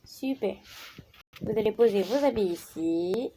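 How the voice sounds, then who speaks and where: A woman's voice: medium pitch, expressive, unhurried, warm tone, a little hiss or hum. A woman voicing a cheerful, bossy adult female dance instructor in a doll play role-play, calling the girls mesdemoiselles. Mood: chirpy.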